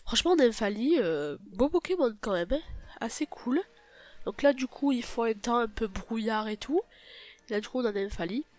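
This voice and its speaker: Stuffed-up nasal young-sounding woman, higher voice. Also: lively intonation, normal speed, a little mellow. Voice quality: nasal, stuffy blocked-nose voice. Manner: hesitant, self-correcting, apologetic. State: sick with a blocked nose. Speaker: YouTube gaming video host. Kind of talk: casual game tutorial commentary.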